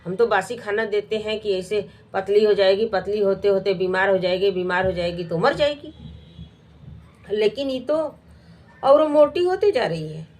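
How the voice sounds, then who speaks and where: A woman's voice: mid-range voice, normal speed, hardly any pauses, darkish tone, lightly acted. A woman playing a harsh, scolding stepmother. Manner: scolding, suspicious.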